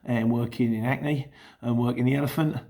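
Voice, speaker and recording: A man's voice: medium pitch, fairly even intonation, fairly quick, creaky, dark tone. A middle-aged man from Luton with a Cockney-influenced London accent, chatting casually and rambling as he explains things in a vlog, often correcting himself. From Luton, England. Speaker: YouTube host and courier driver.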